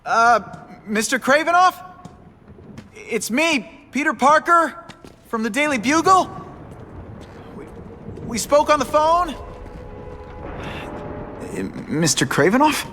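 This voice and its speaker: An actor playing a wisecracking, eager young superhero photographer in a video game, chatty and boyish. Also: male voice, very high-pitched, very animated, unhurried, long pauses, sharp tone, a little hiss or hum, heavily acted. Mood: hesitant, polite.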